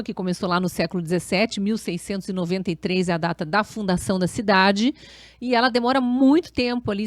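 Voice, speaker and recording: A woman's voice: medium pitch, dry recording. A woman journalist from in Brazil, co-hosting a casual history chat show and recapping earlier episodes in a chatty way with many fillers. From Curitiba, Brazil. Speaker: journalist and co-host.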